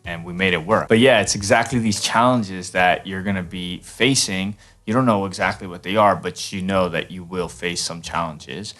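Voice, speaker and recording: A young man from New York talking casually to camera in a relaxed, chatty way, with fillers and restarts. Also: low voice. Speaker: vlogger.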